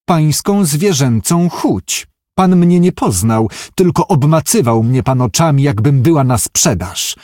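A man voicing a pious young woman who reads minds, speaking softly, sweetly and slowly in a raised voice. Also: a little high, expressive, no room sound, clean studio sound. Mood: serene, gentle. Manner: soft, sweet and unhurried. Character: pious young woman, gentle, mind-reading.

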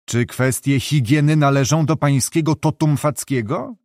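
A man's voice: fairly high pitch, moderate pace, darkish tone, no echo, clean studio sound, close to an everyday voice. A man voicing a proud young male doctor who speaks with controlled, cold irony. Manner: controlled, ironic.

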